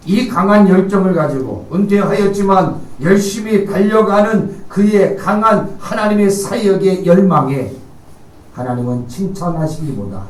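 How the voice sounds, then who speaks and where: A male pastor preaching a sermon in earnest, rising to emphatic high peaks. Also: roomy sound, recorded from a distance, poor audio. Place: church sanctuary.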